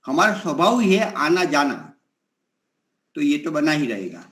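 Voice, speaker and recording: A man in his sixties giving a slow, reflective spiritual discourse, telling stories with pauses and fillers. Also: on the high side, very animated, a bit bright, reverberant. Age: 60s. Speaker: spiritual teacher.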